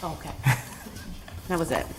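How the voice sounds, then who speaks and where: Slow, careful woman making a motion. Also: deep voice, lively intonation, background noise. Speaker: board member. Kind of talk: meeting motion and remarks.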